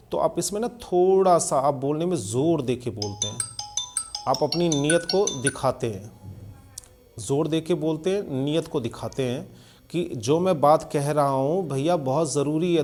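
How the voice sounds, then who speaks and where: A man teaching English grammar in a video lesson. He explains slowly with examples and often checks that listeners follow. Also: fairly high pitch, a little mellow.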